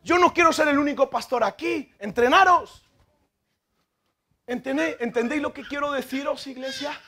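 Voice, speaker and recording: A man with a Spanish accent from Spain, preaching an animated sermon as pastor, acting out voices and calling out to the congregation. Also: very high voice, normal speed. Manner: animated, acts out biblical figures, calls out to the congregation. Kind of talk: lively sermon with acted-out voices.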